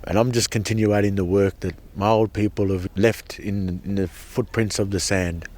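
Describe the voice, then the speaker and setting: This protester from a sacred site camp tells his own story with earnest passion, frequently repeating himself and starting over. His voice is lowish and slightly mellow, holding a steady tone at a moderate pace.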